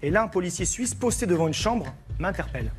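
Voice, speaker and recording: A man working as a TV reporter, presenting a lively news report in a conversational way that builds suspense. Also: high-pitched, fast talker, faint music behind. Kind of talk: lively spoken report to studio.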